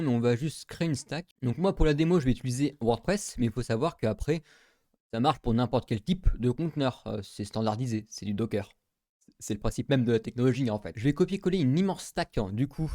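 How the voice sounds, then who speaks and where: A man with a medium-pitched, mellow voice hosts a screen-recorded tech tutorial, recorded dry with clean studio sound. He keeps it casual, thinking aloud and using lots of fillers as he walks through the steps.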